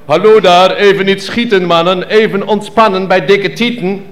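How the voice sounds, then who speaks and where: A man's voice: high voice, fairly even intonation, moderate pace, voice pushed up, close to an everyday voice. A man voicing a crude, swaggering army colonel in a performed poem. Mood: brash.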